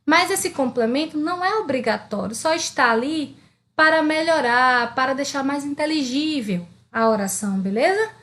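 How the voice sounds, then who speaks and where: Brazilian woman teacher, high voice, poses questions and answers them, keeps checking in with the class. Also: expressive, moderate pace, a bit bright. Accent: Brazilian Portuguese. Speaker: grammar teacher. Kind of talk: online grammar lesson.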